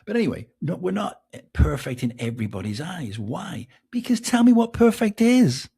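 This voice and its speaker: A middle-aged man, hosting his podcast in a casual, self-mocking monologue. His voice is gravelly and a bit husky, swinging widely in pitch as he fires off rhetorical questions. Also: very animated, normal speed, dark tone. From England. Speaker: podcast host.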